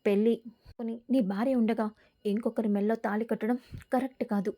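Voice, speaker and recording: A woman's voice: a little high, fairly even intonation, brisk, warm tone. A woman reading the lines of a determined, confrontational young man while recapping a serial episode. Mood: firm.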